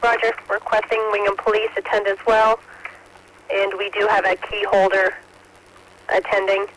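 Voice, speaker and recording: A man's voice: high-pitched, monotone, normal speed, a bit bright, poor audio. A man working as a fire dispatcher, formally reading messages back over two-way radio. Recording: hissy radio dispatch audio.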